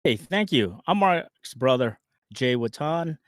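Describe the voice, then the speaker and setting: A man from the United States co-hosting a casual talk show, relaxed and loose with many fillers, speaking over a remote call. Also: mid-range voice, slow pace, dry recording, clean studio sound. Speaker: podcast co-host. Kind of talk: casual chat.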